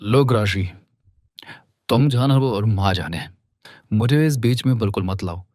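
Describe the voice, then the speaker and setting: A man's voice: on the low side, unhurried, darkish tone, no room sound, clean studio sound, close to an everyday voice. A man voicing a dismissive, impatient young husband in a cartoon. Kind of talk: cartoon voice acting.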